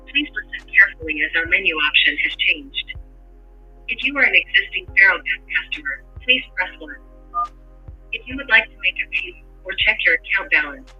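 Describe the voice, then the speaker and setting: A woman reading scripted prompts in a slow, even, announcing manner, heard as a recorded phone menu message. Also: fairly low pitch, low-quality recording. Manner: slow, evenly paced, announcing.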